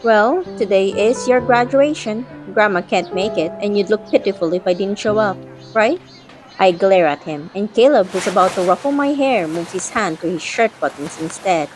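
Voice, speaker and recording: A woman's voice: medium pitch, animated, normal speed, lightly acted, rough recording. A woman playing a guarded, feisty young woman, narrating an audio drama in the first person and voicing her dialogue. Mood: defiant. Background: background music.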